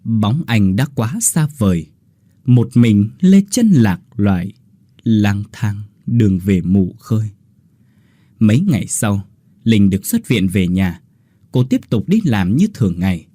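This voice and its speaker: A man reading a ghost story aloud in an expressive, dramatic way. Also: lowish voice, unhurried, dry recording, studio quality. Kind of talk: scripted ghost-story narration.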